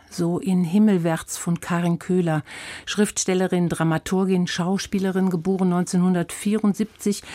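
A woman's voice: fairly low pitch, mellow, no room sound. A woman hosting a radio book program, introducing titles and asking a critic short, composed questions. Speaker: radio host.

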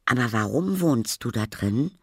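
A man's voice: mid-range voice, expressive, a little slow, a bit bright, slightly rough, no room sound, clean studio sound, voice pushed up, exaggerated voice. A man voicing a curious, friendly schoolboy who asks a ghost questions.

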